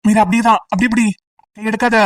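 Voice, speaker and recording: A woman's voice: fairly high pitch, steady tone, quick pace, distant mic, natural voice, poor audio. A woman voicing a teasing, persistent young male college student in an amateur audio drama, talking in a playful, coaxing way.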